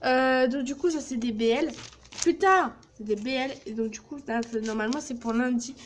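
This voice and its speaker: Walking viewers through her work placement at a small office, a teenage girl vlogs casually in a high-pitched voice at a moderate pace. She's crude and jokey, swearing often, and a faint hiss or hum sits under the audio.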